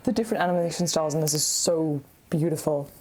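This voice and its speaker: A woman's voice: sits low, fast talker, darkish tone, a little hiss or hum, rough recording. A woman giving casual, gushing, sentimental reaction commentary as a video host.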